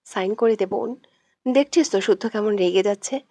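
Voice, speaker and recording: A woman's voice: medium pitch, moderate pace, dry recording, close to an everyday voice. A woman voicing a protective young woman who scolds a hot-headed man and comforts a crying girl, in a read-aloud audio story. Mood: soothing. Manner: sharp with him, soothing with the girl.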